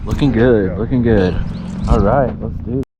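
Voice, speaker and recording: A man chatting casually and jokingly for an outdoor bikepacking vlog, excitable and prone to whooping. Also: on the low side, moderate pace. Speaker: vlogger on a bikepacking trip. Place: outdoors on a bike trip. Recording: loud wind and outdoor noise.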